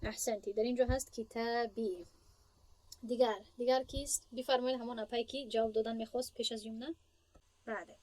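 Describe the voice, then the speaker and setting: A woman with a fairly high voice teaching a grammar class in Persian, her first language. She breaks each point down patiently, stopping to quiz her students and praise their answers. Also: steady tone, warm tone, no echo, low-quality recording. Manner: explains step by step, asks students questions and praises answers. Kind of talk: online grammar lesson.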